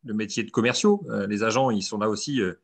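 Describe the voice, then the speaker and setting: A man's voice: fairly low pitch, fast. Man talking casually on a panel. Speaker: wine trade panelist.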